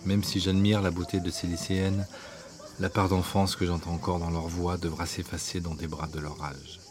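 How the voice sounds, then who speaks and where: A man reading his own autobiographical story as scripted narration, in an intimate, hushed way that at times drops to a whisper. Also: low-pitched, level tone, moderate pace. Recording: narration over clear background music.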